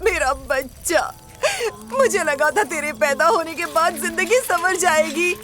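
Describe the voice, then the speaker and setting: A distressed young wife who pleads through tears in a very high voice. Clear film score plays behind her. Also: a little slow, fairly bright tone, faint music behind. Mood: grieving. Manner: tearful, pleading. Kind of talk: Hindi film dub.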